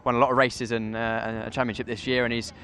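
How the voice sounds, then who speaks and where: A man giving relaxed, analytical expert commentary on a motor race. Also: medium pitch, fast, slight background noise. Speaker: race commentator and former driver.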